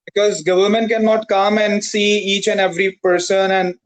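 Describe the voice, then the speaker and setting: A man from Pakistan practicing English over a video call, speaking carefully with many "uh" pauses. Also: high voice, flat delivery, low-quality recording. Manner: careful, hesitant, frequent "uh" pauses. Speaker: English learner. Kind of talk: conversation practice.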